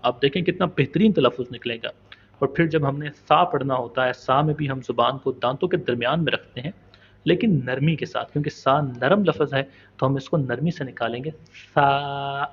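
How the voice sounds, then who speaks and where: Gravelly man teaching letter sounds. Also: mid-range voice, muffled recording. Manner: patient, demonstrates sounds slowly and repeats them. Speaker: Quran recitation teacher. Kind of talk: step-by-step pronunciation lesson.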